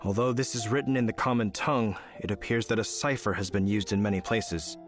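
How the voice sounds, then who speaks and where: A man's voice: lowish voice, fairly even intonation, a little fast, music in the background, close to an everyday voice. A man voicing a dutiful, courteous knight in a video game, speaking formally and earnestly. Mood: grave. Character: dutiful, courteous adult male knight captain. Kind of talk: game voice acting.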